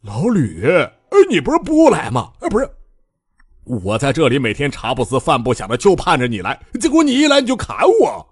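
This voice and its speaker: A man's voice: mid-range voice, huge pitch swings, moderate pace, husky, no echo, pitched above the performer's own voice. A comic wuxia-storybook braggart, acted out by a man: a pompous, chubby sword master whose voice darts all over the place. He murmurs smugly at one moment and squeals in panic the next. The recording is dry and close. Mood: panicked. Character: pompous chubby male sword sect master, cowardly and whiny. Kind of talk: audiobook character voice.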